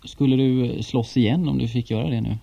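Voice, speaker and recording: A male radio host asks his guest questions in a relaxed, plain manner. His voice is very dark and gravelly with creak. The studio sound is a bit dull, like older tape. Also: mid-range voice, no echo. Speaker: radio interviewer. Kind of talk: studio interview.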